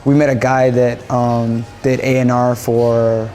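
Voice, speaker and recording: A man's voice: mid-range voice, level tone, takes it slowly, mellow. A man from Japan, a band musician, talking casually in an interview in a rambling way, often repeating phrases and restarting.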